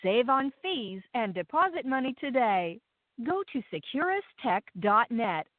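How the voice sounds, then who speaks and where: A woman's recorded announcement played over a tinny payphone call line, formal and even. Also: on the high side, unhurried, dry recording. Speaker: automated phone announcer. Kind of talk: recorded prompt and ad on a prison phone line. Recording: narrow phone-line sound, dry.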